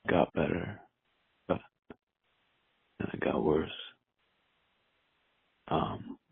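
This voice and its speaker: A man with an extremely deep, heavily gravelly and husky voice speaks slowly and quietly, stopping often between short phrases. He sounds close and dry, squeezed through a tinny phone line. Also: no room sound. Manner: quiet, subdued and halting, with long pauses. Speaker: caller leaving a voice message. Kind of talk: halting spoken message.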